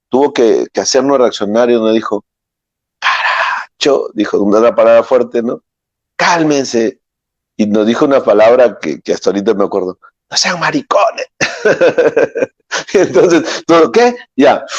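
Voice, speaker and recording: A middle-aged priest preaching in a loose, storytelling way, trailing off and hunting for the right word. His voice sits at an ordinary pitch. The recording is dry and slightly muffled, with no room echo. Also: darkish tone. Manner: rambling, searches for words, many fillers. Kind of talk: homily with anecdotes. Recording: dull, dry lo-fi sound.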